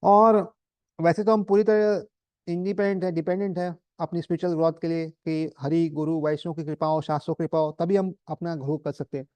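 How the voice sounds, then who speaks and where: Male spiritual teacher, high voice, dry recording, chatty storytelling sermon style. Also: little pitch movement, fairly quick, warm tone, smooth, no room sound. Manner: conversational, anecdotal, mixes English terms. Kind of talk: Hinglish devotional talk to a group.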